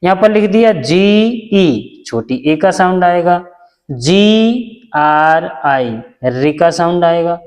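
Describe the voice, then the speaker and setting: A man with a fairly high voice teaching a beginner's class. He talks slowly and patiently, repeating every step and posing questions he answers himself. His voice rings out with a long hall echo. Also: a little mellow. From India. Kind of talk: classroom lesson.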